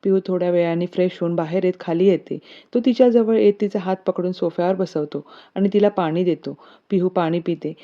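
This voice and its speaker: A woman narrating a romance story in a steady, expressive reading. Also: fairly low pitch, fairly quick. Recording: dull lo-fi recording.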